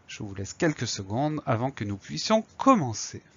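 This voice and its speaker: A man's voice: mid-range voice, very animated, normal speed, fairly bright tone, breathy edge, lo-fi sound. A man teaching a spelling lesson, spelling words out letter by letter and explaining each one patiently before a dictation.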